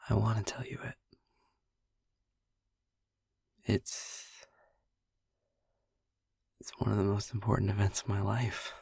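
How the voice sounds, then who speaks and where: A male actor voices a gentle, young-looking vampire boyfriend in an intimate audio roleplay monologue, confiding a painful past. His low, very breathy, husky voice is exaggerated, soft-spoken, tender, and hesitant, halting through the confession. It's recorded on a close, dry mic with no echo.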